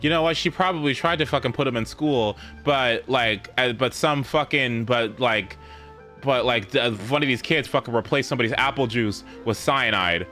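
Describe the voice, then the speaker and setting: A game streamer with a sharp, mid-range voice talks at a moderate pace as he reacts to a story game live. His delivery is jokey, repetitive, and full of exaggerated fake outrage and constant swearing, with game music faintly audible underneath.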